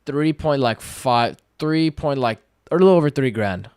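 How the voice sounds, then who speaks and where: A twenty-year-old man livestreaming, reading viewer questions aloud and answering in relaxed, slangy chat full of fillers. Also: medium pitch, normal speed, clear, resonant tone, dry recording, studio quality. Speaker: day-trading livestreamer.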